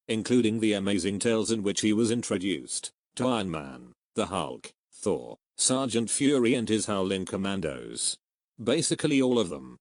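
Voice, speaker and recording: A man with a low voice reads online posts aloud as scripted narration. He keeps a steady, even delivery with no fillers. The recording is dry and close. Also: no echo.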